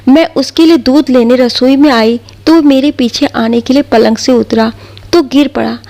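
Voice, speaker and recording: Lady reading as a gentle old mom, soft and meek, high voice. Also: steady tone, moderate pace. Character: meek elderly mother, soft-spoken.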